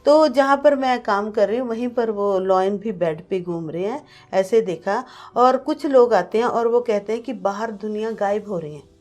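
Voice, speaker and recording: A woman's voice: mid-range voice, normal speed, a little mellow. A woman giving an earnest personal testimony to a pastor, telling her story vividly and mixing in English words. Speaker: guest sharing a testimony.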